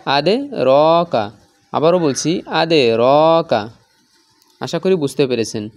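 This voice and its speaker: A man teaches the rules of Quran recitation in a slow, deliberate voice. He explains step by step and repeats each example patiently. The sound is dry and close, with no room echo. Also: on the high side, darkish tone. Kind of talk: tajweed lesson.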